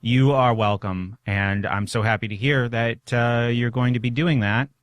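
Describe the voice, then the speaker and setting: A man's voice: medium pitch, fairly even intonation, a little slow, no room sound. A man hosting a podcast solo in a casual, conversational and self-deprecating way, speaking into a studio microphone. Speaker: podcast host. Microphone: studio microphone through a mixer.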